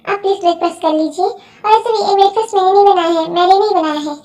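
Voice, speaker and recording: Girl doing a shy soft-spoken young wife, pleading, high voice. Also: steady tone, normal speed. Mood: meek pleading. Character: timid, meek young wife.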